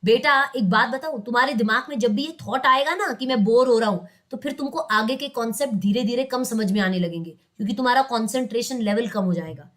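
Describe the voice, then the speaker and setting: Young Indian woman, law tutor, high voice, chatty and coaxing with her students. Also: fairly quick, hardly any pauses, a bit bright. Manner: mixes English terms into Hindi, quizzes students. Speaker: law teacher. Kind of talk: online class lecture.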